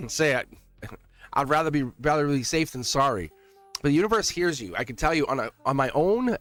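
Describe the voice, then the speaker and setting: A man with a Boston accent hosting a casual live tarot reading, chatting to viewers in an excitable, chummy, slangy way. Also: mid-range voice. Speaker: tarot reader and livestream host.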